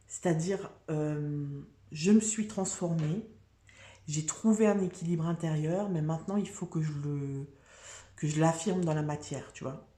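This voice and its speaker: A woman's voice: low voice, a little slow, dark tone, roomy sound. A woman giving a casual, chatty tarot reading, full of fillers, restarts and "tu vois". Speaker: tarot reader.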